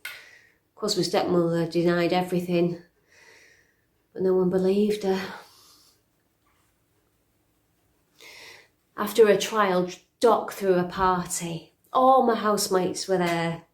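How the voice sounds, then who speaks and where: With a lowish voice and fairly even intonation, a woman acts out a middle-aged fairytale princess's retrospective. Her tone is dry and reflective, slow and confiding, touched with weariness and quiet humor, as in a conversational stage monologue; the room echoes.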